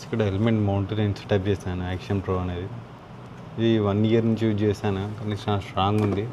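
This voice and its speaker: Here a Telugu-accented man, a motovlogger unboxing and installing gear, talks informally and muses aloud during an unscripted product walkthrough. He speaks quickly in a lowish, flat voice against a noisy background.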